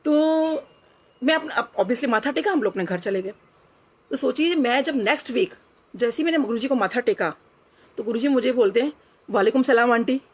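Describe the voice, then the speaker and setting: A woman's voice: fairly high pitch, expressive, a little fast, husky. Earnest middle-aged woman telling a story. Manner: earnest, reflective, drops into quoted dialogue, mixes in English phrases. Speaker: devotee sharing a testimony. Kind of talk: personal storytelling.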